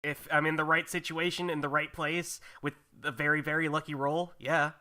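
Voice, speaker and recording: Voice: medium pitch, flat delivery, normal speed, sharp tone. A tabletop game player chatting casually and explaining things a little hesitantly.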